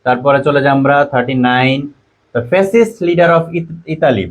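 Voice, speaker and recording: A man's voice: medium pitch, a little slow. A man from Bangladesh tutoring a class online, repeating each quiz question and its answer options and reading out students' answers. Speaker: admission test tutor.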